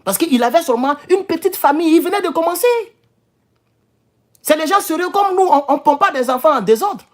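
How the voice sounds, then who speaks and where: A man's voice: very high voice, expressive, fairly quick. A man, speaking in an impassioned monologue to his followers. He is emphatic, repeats phrases, and stumbles and restarts as he goes. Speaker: political YouTuber.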